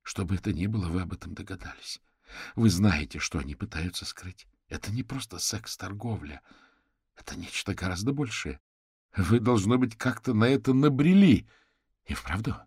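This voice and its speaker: A man's voice: fairly low pitch, animated, moderate pace, gravelly, a little mellow, husky, no echo, clean studio sound, heavily acted. A man voicing an anxious woman negotiator. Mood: urgent. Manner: anxious, urgent. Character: tense female police negotiator on phone.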